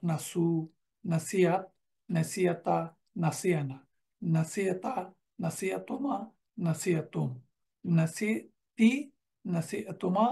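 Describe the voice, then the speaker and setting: A man's voice: high-pitched, creaky, a little mellow. A man teaching Quranic Arabic in a recorded lecture, reciting verb forms one after another and quoting Quran verses in between.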